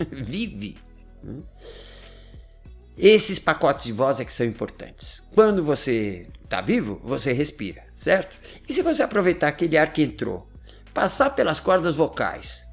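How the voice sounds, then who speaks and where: A man's voice: mid-range voice, gravelly. A man, hosting a casual explanatory talk. He is chatty, laughs often, and keeps checking in with his listeners. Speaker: host explaining language learning.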